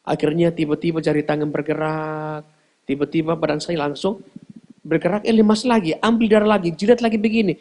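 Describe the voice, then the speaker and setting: A man giving an emotional personal testimony in church, swinging between loud cries and hushed low speech. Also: fairly even intonation, a little fast.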